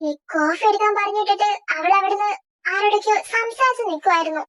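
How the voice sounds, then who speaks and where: A woman's voice: very high-pitched, fast, a bit bright, no echo. A woman voicing a haughty, spoiled young woman who talks down to the assistant. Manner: snobbish, dismissive.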